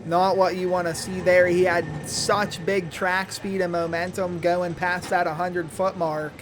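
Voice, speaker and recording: A high-pitched male announcer at a tractor pull introduces drivers and calls out runs and distances. He talks a little slowly with flat delivery, and loud engine and vehicle noise fills the recording.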